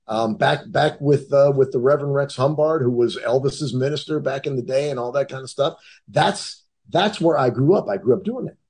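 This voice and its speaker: A man's voice: mid-range voice, darkish tone, breathy edge. A middle-aged man from the Cleveland and Detroit area, telling his own story in a casual, rambling way with many restarts.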